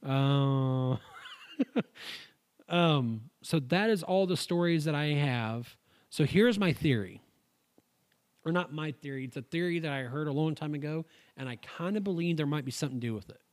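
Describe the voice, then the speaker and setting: A man's voice: fairly high pitch, moderate pace. A man hosting a casual podcast, reading out stories and thinking aloud in a rambling, jokey way. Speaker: podcast host.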